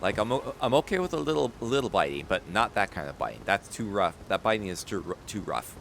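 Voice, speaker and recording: Animated male streamer with a bright voice. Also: on the low side, fairly quick, vocal fry, slight background noise. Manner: animated, yelping, repeats phrases. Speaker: live streamer. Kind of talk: excited gaming livestream chat.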